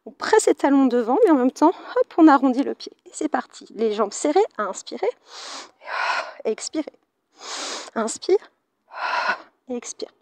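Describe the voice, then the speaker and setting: A woman teaching a Pilates class, giving calm breathing cues and breathy whispered counts while doing the exercises herself, close to the mic. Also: high-pitched, measured pace, long pauses, no echo. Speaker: Pilates instructor. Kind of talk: guided workout instruction. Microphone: mic very close to the face.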